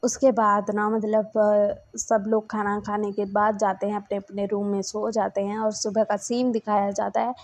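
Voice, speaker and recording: A woman's voice: medium pitch, little pitch movement, normal speed, hardly any pauses, background noise. A young woman casually retelling a fan-written love story, chatty and full of fillers and restarts.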